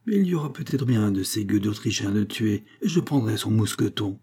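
A man voicing a hot-tempered farmer who rouses a crowd with loud, commanding shouts. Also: fairly low pitch, animated, a little fast, husky. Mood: fiery.

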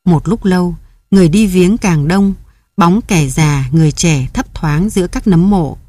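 A woman reading a story aloud in measured, even audiobook narration, pausing to read editor's notes. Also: lowish voice, no echo.

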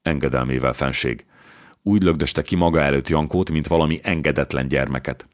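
A man narrating a historical novel as an audiobook in a measured, even way. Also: a bass voice.

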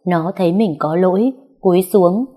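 Low, mellow woman narrating a story. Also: moderate pace. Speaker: audiobook narrator.

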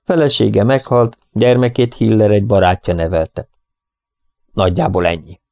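A man's voice: fairly low pitch, fairly even intonation, gravelly, darkish tone, no echo, clean studio sound. A man reading an audiobook, voicing a stern, impatient male prison governor who speaks brusquely. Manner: brusque and commanding.

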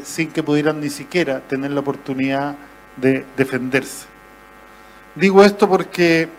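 A man's voice: on the high side, a little hiss or hum, poor audio. Chilean man giving a fiery speech. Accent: Chilean Spanish. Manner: impassioned, rhetorical, frequent "eh" pauses. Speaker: political speaker. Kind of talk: political speech at a conference.

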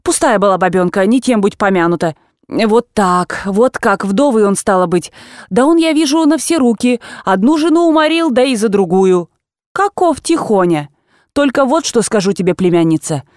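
A woman voicing an agitated, blunt old aunt in an audiobook, with sharp exclamations that jump from low mutters to high cries. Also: expressive, normal speed, no room sound, studio quality, lightly acted. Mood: scolding. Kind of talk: audiobook character reading.

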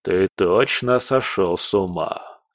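A man voicing a blustering older emperor who speaks in a measured, grumbling, exasperated manner. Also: deep voice, dry recording, studio quality. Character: blustering older male emperor, fussy and imperious.

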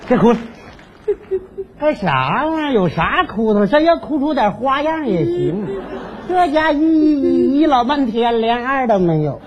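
A man's voice: extremely high pitch, sing-song, measured pace, some chatter behind, slight background noise, exaggerated voice. A man with a Northeastern Chinese accent playing a stubborn, bashful old rural widower in a stage comedy sketch, talking in grumbling folksy banter. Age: older. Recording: dull lo-fi archive TV recording.

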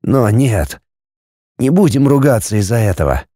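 A man's voice: medium pitch, very animated, moderate pace, mellow, no echo, clean studio sound. A man doing a driven, stubborn scientist. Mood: persuasive, reassuring. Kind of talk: audiobook character reading.

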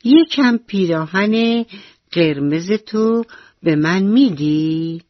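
A woman voicing an excited little mouse child with an eager, drawn-out way of talking, in a radio bedtime story. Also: medium pitch, no room sound, voice pushed up, close to an everyday voice. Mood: wondering. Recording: dull lo-fi radio recording.

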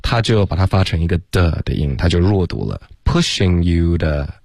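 Low-voiced male co-host, relaxed. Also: a little fast, gravelly, slightly rough, dry recording. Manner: relaxed, hesitant, laughs often. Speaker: co-host, English teacher. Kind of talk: radio English lesson. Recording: dry studio radio.

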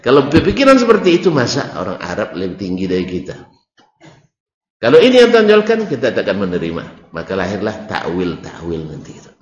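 A man with a Malay accent giving a religious study lecture, animated and teasing, his voice jumping high on key words. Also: fairly quick, a little hiss or hum. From Malay region of Indonesia. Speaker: preacher teaching a classical text. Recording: roomy dull hall recording.

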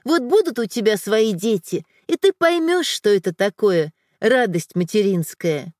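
Brief: woman reading as firm middle-aged mother, scolding yet tender, lively voice, dry sound. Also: medium pitch, unhurried, no echo, close to an everyday voice.

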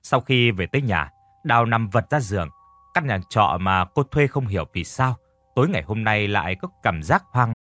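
A man narrating a spooky story in a scripted, expressive storytelling style. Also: on the low side, moderate pace, no echo. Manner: expressive, voices characters lightly.

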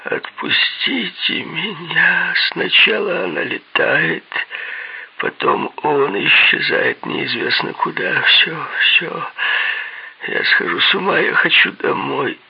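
A man's voice: fairly high pitch, slow, creaky, husky, lo-fi sound, voice pushed up, exaggerated voice. A man voicing a frightened man who whines plaintively, begging to go home, in an audiobook. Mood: whining. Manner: whiny, plaintive.

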